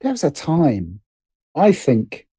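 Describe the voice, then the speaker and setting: A middle-aged man, a writer and producer, talks casually as a podcast interview guest, hesitating and correcting himself with repeated false starts. His voice sits a little high and swoops wildly in pitch, unhurried, mellow and slightly breathy. The studio-quality recording has no room sound.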